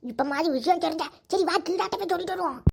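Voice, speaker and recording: Very high-voiced woman, scolding and stammering, comic sketch. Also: racing, creaky, slight background noise. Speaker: comedy sketch performer.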